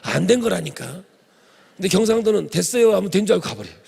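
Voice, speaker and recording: A man from preaches a revival sermon, his voice rough and gravelly with a husky edge. He sits a little high for a man and keeps turning to the congregation with jokes and asides. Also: expressive, fast talker, darkish tone. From Chungcheong Province, Korea. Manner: humorous, addresses congregation directly. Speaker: pastor.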